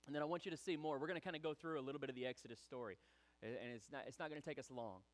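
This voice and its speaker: A man preaching a sermon, animated and chatty, acting out the voices of people in the story. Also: mid-range voice, very fast. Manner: animated, acts out quoted voices, chatty asides. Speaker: pastor.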